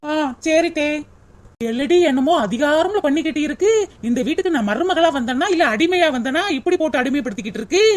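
A woman voicing a cheeky fast-talking village daughter-in-law. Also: high voice, close to an everyday voice. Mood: grumbling. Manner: cheeky, whiny, talks back.

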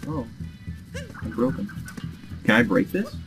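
A young man giving casual, excitable gameplay commentary as a let's play host. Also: music in the background. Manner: excitable, quick reactions.

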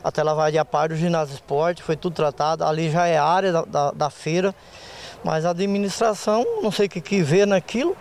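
An older Brazilian Portuguese-accented man, his voice on the high side, darkish and steady with vocal fry, talks a little fast. He's the market association president, interviewed outdoors at an open-air market lot on a handheld mic with slight background noise, speaking plainly and rurally with repeated words.

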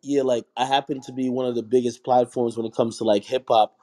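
A young man from Jamaica chats loosely in an online voice room. He rambles, restarts his sentences and keeps asking "you know what I mean." His pitch sits in the middle for a man. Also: level tone, a little fast, mellow. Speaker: hip hop media personality. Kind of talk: casual audio chat room conversation.

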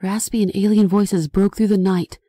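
Mellow woman reading a horror audiobook. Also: medium pitch, moderate pace. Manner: dramatic expressive reading. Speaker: author reading her own novel. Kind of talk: scripted audiobook narration.

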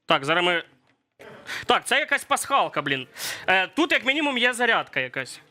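Bright, lively man joking on a stream. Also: high voice, moderate pace. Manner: playful, jokes and hypes. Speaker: streamer unboxing a collector's edition. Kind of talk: casual joking chat.

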